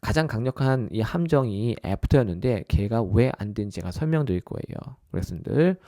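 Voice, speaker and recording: A man's voice: on the low side, lively intonation, moderate pace, mellow, dry recording, clean studio sound. A man teaching as a test-prep instructor in a recorded lecture, often addressing his listeners as his students and checking in with short tag questions.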